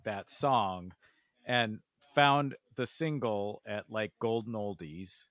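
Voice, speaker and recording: Slow talking guy guesting on a music podcast, dry close mic. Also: fairly low pitch, a bit bright, dry recording, muffled recording. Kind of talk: casual music chat.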